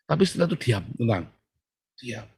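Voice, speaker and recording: Male preacher, casual sermon, chatty and joking, loud stresses then soft hushed words, mid-pitched voice. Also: fairly quick, vocal fry, slightly rough, no room sound. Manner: chatty, joking, swings between loud emphasis and hushed calm.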